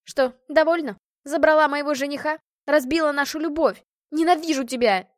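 A woman's voice: high voice, animated, brisk, dry recording, studio quality, voice pushed up. A woman reading the part of a proud, bitter young noblewoman who has been jilted, accusing and sarcastic in an audiobook. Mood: furious.

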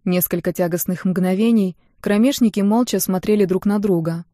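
A woman narrating a fantasy audiobook in the first person, with a measured, expressive reading on a close mic. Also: medium pitch, dry recording.

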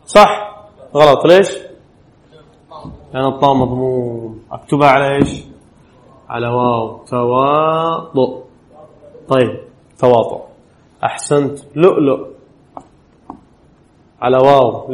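A man's voice: medium pitch, steady tone, brisk, long pauses. Questioning man teaching a class. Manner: quizzes students with frequent questions; reads a rule text aloud, then explains. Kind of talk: classroom lesson on Arabic spelling rules. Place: classroom at an Islamic studies center.

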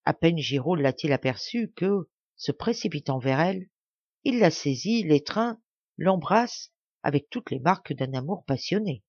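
A woman narrating a fable in an audiobook, reading in a measured, even way. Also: low voice, no echo, highs cut off. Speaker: audiobook reader. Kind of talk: storybook narration.

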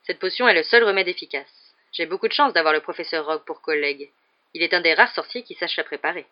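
Audiobook: reader plays a kind teacher wizard, soft and measured, mid-pitched, slightly muffled sound. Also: natural voice.

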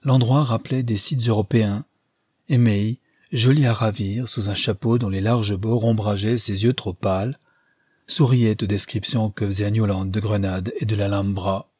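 A man narrating a literary audiobook in a measured storytelling manner, with a husky voice. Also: fairly low pitch, fairly even intonation, mellow, no room sound, studio quality.

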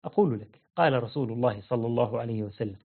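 A man giving an interactive religious lesson, quizzing listeners with repeated questions and slowing down to stress key phrases. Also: medium pitch. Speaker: religious teacher. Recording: narrow phone-like audio.

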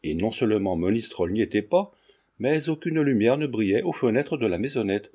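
A man narrating a classic novel as an audiobook, in measured, scripted storytelling. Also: lowish voice, animated, warm tone, slightly rough.

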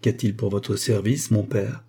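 A man's voice: fairly low pitch, steady tone, measured pace, gravelly, mellow, breathy edge, full character voice. A man voicing a kindly, earnest young Orthodox priest.

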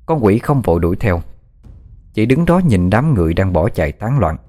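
A man's voice: on the low side, big pitch swings, normal speed, mellow. A man narrating a horror story in a dramatic, suspenseful way.

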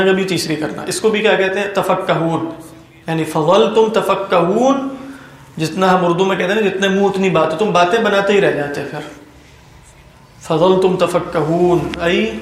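A male Quran teacher giving a classroom lecture, quizzing his students and then answering himself, reciting Arabic slowly and deliberately. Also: high-pitched. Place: lecture room at an academy. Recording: echoey room.

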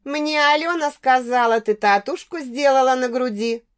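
A woman's voice: high voice, moderate pace, smooth, voice pushed up, natural voice. A woman voicing a drunk, aggressive young man who taunts his ex-girlfriend, in an audiobook. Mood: taunting. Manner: taunting, sneering.

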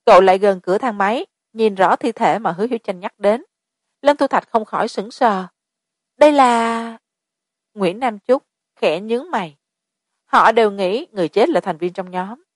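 A woman narrating a story in a steady storytelling delivery. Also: mid-range voice, dry recording, clean studio sound. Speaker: audiobook narrator.

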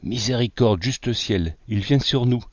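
A man's voice: lowish voice, expressive, normal speed, darkish tone, no room sound. A man reading an alarmed young settler. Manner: alarmed, urgent warnings. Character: frightened young male settler on watch. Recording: dull lo-fi, dry.

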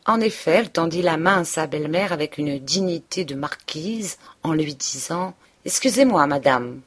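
A woman narrating a classic novel for an audiobook. Her voice is fairly low, and her reading is steady and even. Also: moderate pace. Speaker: audiobook reader.

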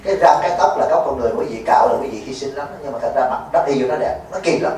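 A man's voice: medium pitch, racing, darkish tone. A man, a Buddhist monk giving a folksy dharma talk at a retreat, teasing and quizzing his listeners. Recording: echoey hall, mic far off, faint noise.

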